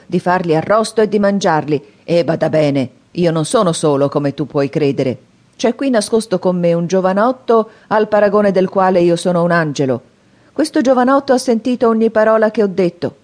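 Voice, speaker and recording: A woman reading an audiobook, voicing a menacing, hungry male convict who makes loud threats. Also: fairly low pitch, natural voice. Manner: loud, threatening, drawn-out demands.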